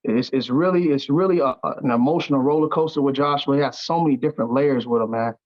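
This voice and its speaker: A stage actor, interviewed as a guest, talks in an earnest, conversational way and often repeats words while searching for the next phrase. He speaks fast at a medium pitch, and the recording sounds muffled.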